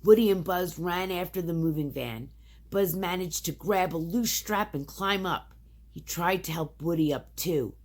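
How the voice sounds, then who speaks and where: Young mom reading a kids book out loud, low husky voice, slow and sing-songy. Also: female voice. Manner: expressive, sing-song storytelling. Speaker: parent reading to her child. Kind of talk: reading a children's storybook aloud.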